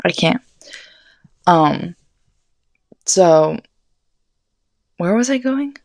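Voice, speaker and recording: Low-voiced young woman, rambling and swearing. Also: very slow, creaky, no echo. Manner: rambling, animated, swears often, fillers like "like". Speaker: podcast host. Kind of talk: casual storytelling monologue.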